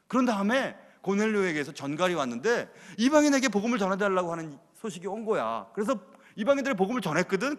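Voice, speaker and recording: A man's voice: high voice, a bit bright, voice pushed up. A man preaching in the first person as the apostle Peter, an impulsive grown man retelling his story in a chatty, candid way. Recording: reverberant church hall.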